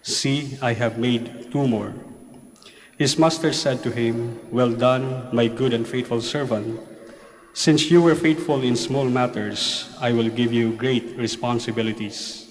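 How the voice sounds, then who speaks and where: Slow man reading in cathedral echo. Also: medium pitch, fairly even intonation. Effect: cathedral echo, long church reverb. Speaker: priest or deacon reading the Gospel. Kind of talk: slow, measured liturgical reading. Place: large church during Mass. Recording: reverberant church recording, faint noise.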